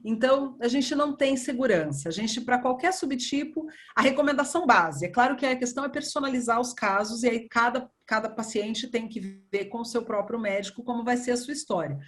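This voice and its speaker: A woman surgeon, talking in a relaxed interview and acting out past conversations as she tells them. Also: fairly high pitch, a little fast, few pauses. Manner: animated storytelling, acts out dialogue. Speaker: breast surgeon guest.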